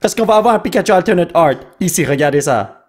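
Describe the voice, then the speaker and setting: A young man with a Quebec French accent who chats excitedly and casually while hosting a card-opening video. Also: high voice, fast. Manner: excitable, chatty, slangy. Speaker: host.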